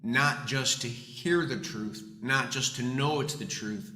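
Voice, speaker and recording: A man's voice: mid-range voice, takes it slowly, bright, forceful tone. A man giving a live morning devotional as pastor, earnest and encouraging, his voice carrying a heavy hall-like echo from his office. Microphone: desk microphone streamed online. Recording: echoey reverberant room.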